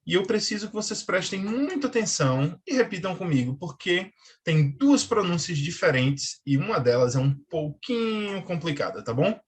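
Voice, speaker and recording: Husky, upbeat English teacher. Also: male voice, sits high, lively intonation. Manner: upbeat and encouraging, repeats words slowly for learners. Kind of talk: quick language tip on a TV show. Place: TV studio.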